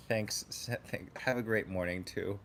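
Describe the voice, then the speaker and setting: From his home, a man with a lowish voice hosts a casual livestream, chatting with viewers, reading the chat aloud and laughing often. There's a little hiss or hum in the audio.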